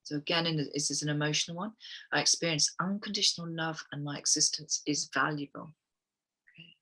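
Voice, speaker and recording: A woman with a bright, sharp edge and a husky, breathy grain reads chakra statements on a group wellness call. She is soft-spoken and musing, and she drops in a quiet "okay" between readings as she guides listeners through affirmations. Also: sits low, fairly even intonation, fairly quick, rough recording. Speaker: wellness guest speaker.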